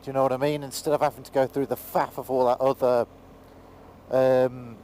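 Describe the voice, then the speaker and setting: A man's voice: medium pitch, level tone, a little fast, warm tone. A man with a New Zealand accent chatting casually with joking, teasing banter as he rides. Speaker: motorbike travel vlogger, rider. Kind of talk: casual chat. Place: outdoors on a moving motorbike. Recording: noisy vehicle ride, motorbike helmet audio. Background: engine and road noise.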